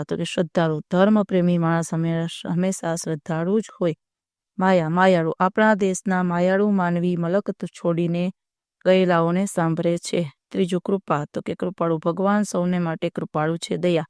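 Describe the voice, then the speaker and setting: A teacher dictating workbook answers to students in a recorded video lesson, reading word lists at a steady pace. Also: mid-range voice, smooth, dry recording, clean studio sound.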